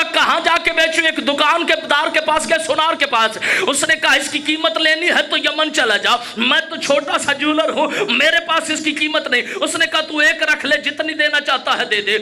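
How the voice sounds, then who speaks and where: High, bright Pakistani cleric preaching. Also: male voice. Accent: Pakistani Urdu. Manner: dramatic, acts out dialogue, rises to shouted climaxes. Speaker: Shia cleric reciting a majlis. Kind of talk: sermon storytelling with chanted climaxes. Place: mourning gathering hall.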